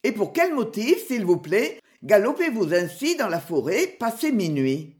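A woman playing a booming jovial friar. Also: sing-song, a little slow, darkish tone. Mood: gruff. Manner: booming, gruff. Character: loud jovial older male friar.

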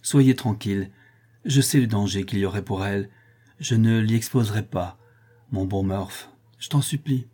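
A noble prince overwhelmed by emotion in a storybook reading, voiced by a man. He speaks in a low, husky voice that trembles with barely held restraint. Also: normal speed, warm tone. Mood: overwrought. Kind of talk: audiobook character voice.

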